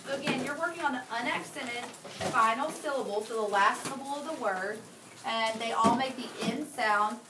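A woman's voice: a little high, normal speed. A woman teaching a spelling lesson, explaining patiently step by step with the odd filler. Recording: echoey room, noisy, mic far off.

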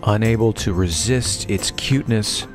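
Male vlog narrator, lowish voice, scripted storytelling over music. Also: unhurried. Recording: music behind.

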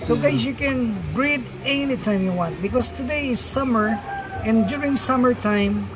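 A man's voice: very high-pitched, normal speed. A middle-aged man from the Philippines, explaining fish breeding to viewers in a casual vlog at an outdoor fish farm. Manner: explanatory, addresses viewers as guys. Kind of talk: casual walk-through vlog narration.

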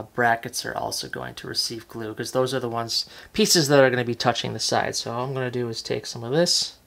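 A man casually talking through a hands-on model-building tutorial at his workbench, relaxed and chatty with lots of fillers. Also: medium pitch, creaky. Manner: relaxed and chatty, many fillers, self-correcting. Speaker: model railroad hobbyist host. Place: workbench indoors, off camera.

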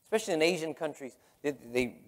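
Speaking fast in a slightly high, animated voice, a middle-aged pastor preaches on stage in a large church sanctuary. His delivery is emphatic and repetitive, ranging from loud outbursts to hushed murmurs, and the hall adds long reverb.

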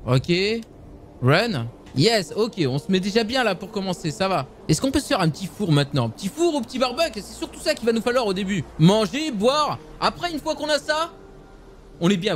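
A young man casually commenting on a survival game for his viewers, excitable and swearing often. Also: high voice, slight background noise. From France. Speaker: gaming youtuber.

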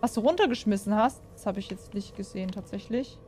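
A woman's voice: mid-range voice, animated, quick pace, a little mellow, soft background music. A young woman playing a horror game and commenting for her viewers, jumpy and full of exclamations, often asking them questions. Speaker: gaming YouTuber.

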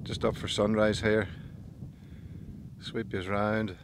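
Holding a phone camera at arm's length on a windy summit, a man in his fifties records a casual vlog. This outdoor vlogger speaks slowly in a fairly low, level voice, yet he's chatty, laughs often and jokes at his own expense.

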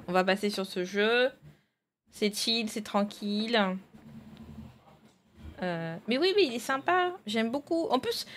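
A woman's voice: mid-range voice, fairly bright tone, a little hiss or hum. Chatty French woman live-streaming. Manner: chatty, thinks aloud while fiddling with games, greets chat viewers. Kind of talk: casual live-stream chat.

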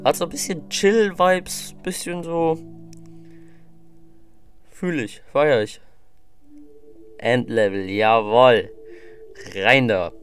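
A man's voice: mid-range voice, takes it slowly, long pauses. A man giving casual, enthusiastic, rambling reaction commentary on music into a desk microphone. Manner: enthusiastic, slangy, rambling with fillers.

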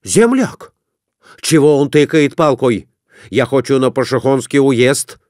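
Man doing a loud stubborn merchant, folksy shouting, storybook reading, dry close sound. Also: medium pitch, unhurried, dry recording, voice pushed up, natural voice. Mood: rowdy.

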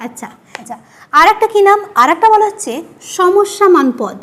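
High, lively woman teaching a lesson. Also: fairly quick. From West Bengal. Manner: repeats key words, asks and answers her own questions. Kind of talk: exam-prep grammar lesson.

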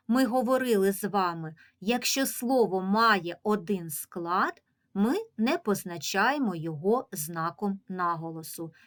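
A woman teacher speaks slowly and patiently to young children in an early reading lesson. She stretches and over-articulates each syllable and sound so the little ones can follow, in a voice of middle pitch.

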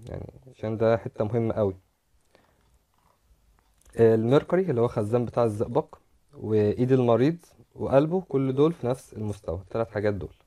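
A man with an Egyptian Arabic accent gives a medical lecture over slides in a mellow, medium-pitched voice, explaining step by step and repeating words as he demonstrates.

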